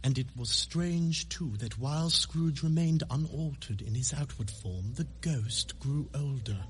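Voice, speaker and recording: An actor playing a grave, expressive storybook narrator, theatrical and deliberate, in an old radio drama style. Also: male voice, mid-range voice, a little hiss or hum, lightly acted.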